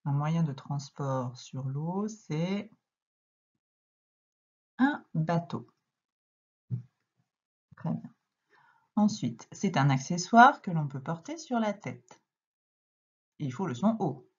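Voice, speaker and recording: A woman's voice: deep voice, lively intonation, takes it slowly, long pauses, husky, muffled recording. A woman teaching a reading lesson to young children, speaking patiently and sounding out letters and syllables one by one. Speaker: primary school teacher.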